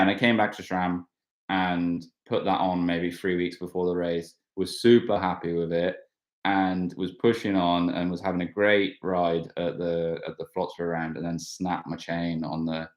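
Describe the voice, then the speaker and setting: A man's voice: low-pitched, little pitch movement, moderate pace. A man in his thirties, a mountain bike racer, chatting casually on a live stream and rambling with many fillers and restarts. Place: at home, washing outside in the rain. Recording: roomy echo.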